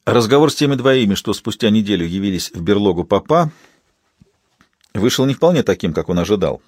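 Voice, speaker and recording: A man narrating an audiobook in steady, even storytelling, recorded on a close studio mic in a booth. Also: on the low side, fairly quick, no room sound. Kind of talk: scripted narration.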